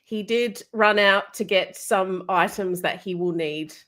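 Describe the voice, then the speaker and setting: A woman's voice: medium pitch, unhurried, a bit bright. A woman hosting a casual online recap chat, chatty and self-deprecating, sometimes losing her place. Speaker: podcast host. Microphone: video call.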